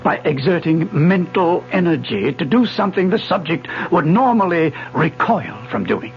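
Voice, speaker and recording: The voice is fairly high, sing-song and creaky at a moderate pace: an actor portraying an obsessive retired male physics professor. He lectures with urgency in a 1970s radio drama, heard as a muffled old broadcast with music.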